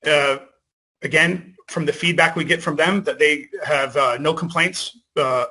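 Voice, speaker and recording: Man, slightly high pitch, forceful bright tone, deferential, halting delivery, formal remote testimony. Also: gravelly, husky, rough recording. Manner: deferential, halting, hesitant phrasing. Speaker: system design engineer giving testimony. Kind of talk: formal public meeting testimony. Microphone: video call.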